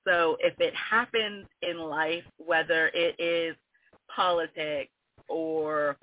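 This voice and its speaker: A woman in her forties, a guest poet with a Southern accent touched by New Orleans, chats openly and laughs often in a casual interview. Her low voice is steady and slow. The phone-line audio is tinny, with no echo.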